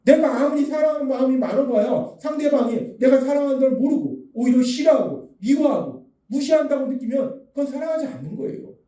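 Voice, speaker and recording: A man's voice: extremely high pitch, expressive, fairly quick, mellow, roomy sound, recorded from a distance. A man preaching a sermon as pastor, asking earnest rhetorical questions. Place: church sanctuary.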